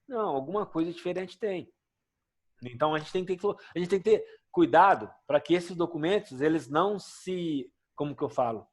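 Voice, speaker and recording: A man with a Brazilian Portuguese accent teaches a class in a chatty, questioning way. His fairly high voice rises and falls a lot as he explains. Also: animated, moderate pace. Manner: conversational, asks students questions. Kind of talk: classroom lecture.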